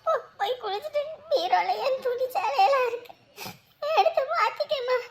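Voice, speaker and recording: A woman's voice: very high-pitched, animated, normal speed. An actress playing a grieving widow who sobs and wails through her speech. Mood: wailing grief. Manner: sobbing, wailing speech. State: crying. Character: grieving widow, wailing and bitter. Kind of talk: family drama acting.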